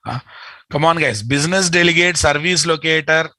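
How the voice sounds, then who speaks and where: A middle-aged software instructor with an Indian Telugu accent teaches an informal live lesson over video call from an indoor room. His slightly high voice is pushed and bright at normal speed, with no echo, and he repeats phrases and addresses learners familiarly.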